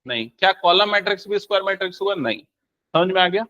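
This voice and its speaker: A young man teaches maths to a class. He has a high, bright voice and keeps quizzing his students, then answers his own questions. He slips English terms into Hindi as he goes. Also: lively intonation, fast talker, lo-fi sound. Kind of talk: live classroom lesson.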